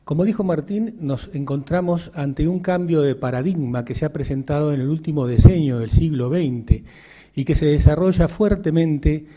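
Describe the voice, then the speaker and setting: Very bright-voiced Argentine man lecturing. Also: mid-range voice. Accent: Argentine Spanish. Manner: measured, structured delivery with occasional restarts. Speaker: invited speaker at a surgical symposium. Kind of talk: formal academic lecture. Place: lecture hall.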